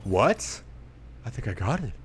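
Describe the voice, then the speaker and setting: A man's voice: lowish voice, sing-song, a little slow, a little hiss or hum. A young man streaming a game, rambling casually, swearing freely and mocking himself as he plays. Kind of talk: casual gameplay commentary.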